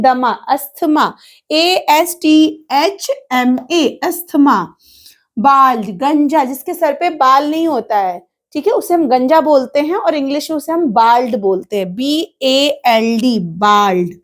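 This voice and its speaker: A woman teaching English vocabulary in Hindi, spelling each word out slowly letter by letter and checking in with "ok" and "theek hai". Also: high-pitched. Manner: explains in Hindi with English words mixed in. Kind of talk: spoken English vocabulary lesson.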